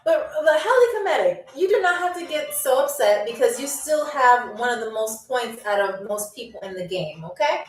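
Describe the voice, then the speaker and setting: A woman from New York, slightly high-voiced and expressive, hosts a live trivia stream from Albania at a moderate pace with few pauses, chatting with viewers, laughing often, and reading out their comments. She is far from the mic in an echoey room, her voice a bit off-mic.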